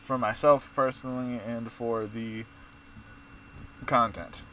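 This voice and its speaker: Young man gamer, tired, profane, slow-talking, faint hiss. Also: mid-range voice, flat delivery, bright, forceful tone, rough recording. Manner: rambling, profane, self-mocking. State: tired, late at night. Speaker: streamer. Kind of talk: casual gameplay commentary.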